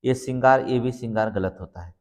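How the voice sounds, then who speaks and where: A man's voice: mid-range voice, brisk, darkish tone. A man teaching exam preparation, walking through each answer step by step and confirming it with a repeated check. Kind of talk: exam-prep lesson. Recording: long reverb in the room.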